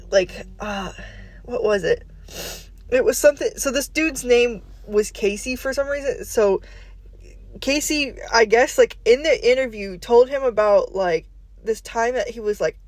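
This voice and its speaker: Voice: medium pitch, no room sound. Hazy, puzzled casual storyteller, dry close sound. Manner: hazy, puzzled recounting with searching pauses and hedging. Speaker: host of a dream journal series.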